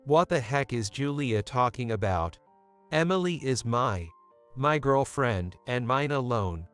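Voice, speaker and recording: A man's voice: mid-range voice, expressive, a little slow, fairly bright tone, smooth, faint music behind. An actor voicing a pushy, incredulous husband who cheats on his wife. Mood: defensive. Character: arrogant cheating husband, young adult man.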